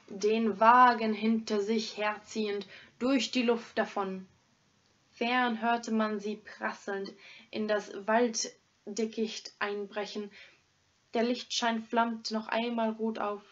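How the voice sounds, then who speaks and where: A woman teacher reading a story aloud in a clear, deliberate way, in a dull lo-fi recording. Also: on the high side, little pitch movement, fairly bright tone.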